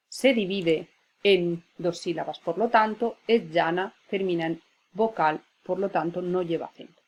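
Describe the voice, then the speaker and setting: A woman teacher talks through spelling rules in a methodical, patient way. Her voice is slightly husky and sits a little low, and she breaks words into syllables one at a time. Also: a little mellow. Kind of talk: spelling lesson.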